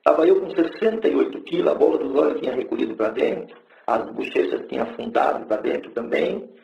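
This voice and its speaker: Gravelly man giving a fervent testimony. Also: medium pitch, lively intonation, brisk, darkish tone, echoey room, dull audio. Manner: fervent storytelling, rising to exclaimed praise. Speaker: church member giving testimony. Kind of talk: religious testimony to a congregation.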